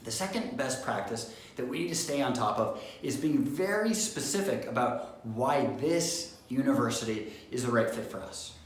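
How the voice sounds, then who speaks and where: A man's voice: medium pitch, lively intonation, normal speed, hardly any pauses. A young man coaching students on admissions essays, talking energetically and repeating words for emphasis. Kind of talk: instructional talk to camera. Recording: very echoey room.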